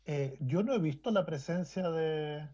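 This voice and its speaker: A man hosts a panel, his voice pitched fairly high. He argues his point and interjects on the others. The sound is dull and lo-fi. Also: measured pace, dark tone. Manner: argumentative, interjecting. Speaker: host. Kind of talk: panel discussion.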